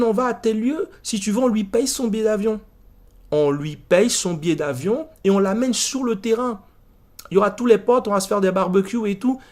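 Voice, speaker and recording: A man hosting his own channel, telling a story in a casual monologue, animated and repeating himself with frequent restarts. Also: fairly high pitch. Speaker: channel host.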